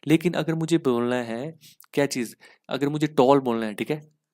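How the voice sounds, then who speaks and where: A man's voice: medium pitch, normal speed, a little mellow, no room sound, studio quality. A man teaching an exam-prep English grammar lesson, explaining step by step and asking "ठीक है?" again and again.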